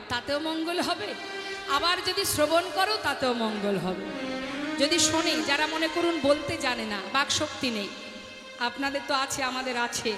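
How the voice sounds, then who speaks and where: A woman kirtan singer preaching and chanting to a crowd, calling the listeners mother and father as she urges them on. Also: high-pitched. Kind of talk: devotional sermon with chanting. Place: large hall at a devotional gathering. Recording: echoey hall with music behind.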